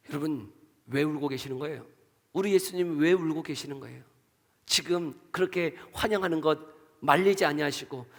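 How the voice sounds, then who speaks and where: A man with a high voice preaches in a church sanctuary, his words trailing into a long hall reverb. He keeps asking the congregation questions and answering them himself. He swings between loud, emphatic lines and soft, hushed ones. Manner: leads the congregation in reading verses aloud. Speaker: pastor. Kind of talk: sermon.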